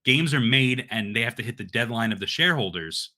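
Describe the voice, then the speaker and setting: Lively bright-voiced podcast co-host man. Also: medium pitch, fairly quick. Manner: animated, chatty, reads promo lines. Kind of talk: casual gaming podcast chat.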